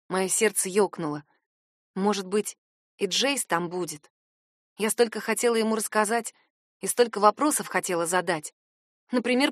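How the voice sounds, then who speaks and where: A woman's voice: medium pitch, no room sound, clean studio sound. A woman narrating a first-person story in a sarcastic, exasperated tone.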